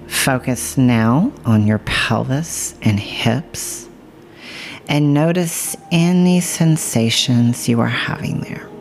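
Meditation guide: reassuring and hypnotic, gravelly creak in the voice, extremely unhurried delivery. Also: mid-range voice. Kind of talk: slow scripted guided meditation. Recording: music bed behind the voice. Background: music.

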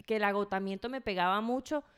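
A woman's voice: medium pitch, fast talker, clear, resonant tone. A woman, hosting a casual podcast and acting out the lines she quotes. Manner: animated storytelling, acts out quoted lines. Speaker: podcast host.

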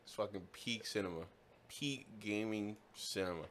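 A man's voice: fairly low pitch, normal speed, a bit bright. A man bantering casually about games as a podcast co-host, with a slangy, teasing, emphatic frat-bro way of talking.

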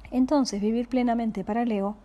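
In a slightly high voice captured with lo-fi sound, this woman offers a calm, reflective spiritual talk in a Rioplatense Spanish accent. As a spiritual teacher, she speaks slowly, frequently softening into a whisper.

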